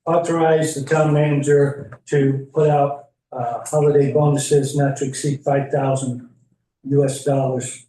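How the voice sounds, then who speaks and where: A man's voice: medium pitch, steady tone, measured pace, warm tone, a little hiss or hum. Man chairing a meeting, distant in a roomy hall. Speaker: council chair.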